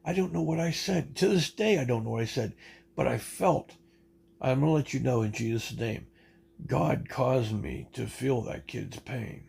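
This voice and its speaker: Gravelly man rambling through a testimony. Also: mid-range voice, moderate pace, a little mellow, low-quality recording. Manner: rambling, with many fillers and restarts; emphatic and blunt, swears. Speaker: guest telling his life story. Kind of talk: casual spoken testimony.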